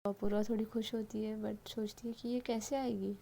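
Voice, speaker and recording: A woman narrating an episode of a love story series in an even, storytelling way. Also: medium pitch, moderate pace, creaky, poor audio.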